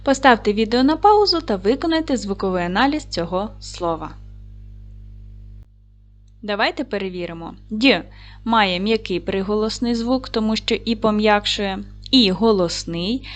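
A woman teaching a recorded lesson for young children, speaking clearly and slowly with encouraging praise. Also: mid-range voice, faint music behind. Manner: clear, slow, encouraging classroom delivery. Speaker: primary school teacher.

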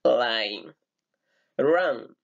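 A man's voice: mid-range voice, expressive, drawn-out words, vocal fry, dull audio. A man teaching an English grammar lesson, patiently repeating words and asking rhetorical questions. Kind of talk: recorded online grammar lesson.

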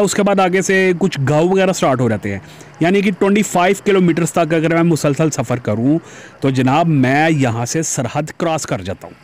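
This Pakistani motovlogger's voice sits a little high as he talks to viewers from his motorbike on a busy city road. The audio comes from his helmet-mounted camera, and his easygoing commentary addresses the audience as "janab".

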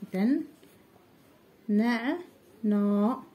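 A woman with a Moroccan Arabic accent teaching young children to write letters, patient and slowly stretching out syllables for them to repeat. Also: fairly high pitch, highs cut off. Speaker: primary school teacher. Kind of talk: children's handwriting lesson.

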